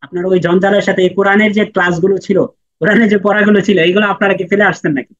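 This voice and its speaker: In an online class, a man with a high voice teaches Quran letter pronunciation, patiently repeating each sound for students to echo. He speaks rapid-fire in a steady tone, and the audio is dry, dull and lo-fi.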